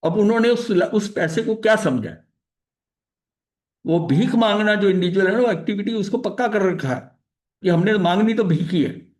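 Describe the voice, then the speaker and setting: A man with a notably high speaking voice leads a religious study session. He teaches conversationally, circling back with filler phrases and restarting sentences. He drops English terms into his explanations. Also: animated, normal speed, a little mellow. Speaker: spiritual study leader.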